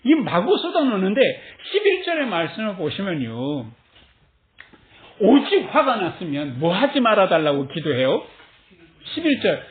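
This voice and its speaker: A woman delivers a sermon with lively energy, often laughing as she preaches. Her voice comes through narrow and tinny, like a phone line. It rings in a roomy, echoing space. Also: mid-range voice, moderate pace. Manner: animated, acts out quoted voices, laughs often. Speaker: pastor. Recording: tinny phone-like sound in an echoey room.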